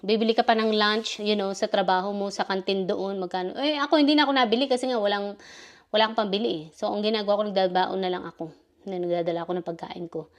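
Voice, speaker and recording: A woman's voice: medium pitch, steady tone, fast. A woman from the Philippines in her thirties telling a personal story in a casual vlog, rambling and often stopping to correct herself. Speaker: vlogger.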